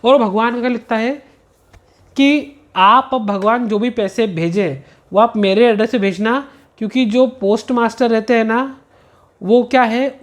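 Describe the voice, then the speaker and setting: A man teaching a revision lesson, reading English lines slowly and then explaining them quickly in Hindi. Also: very high-pitched.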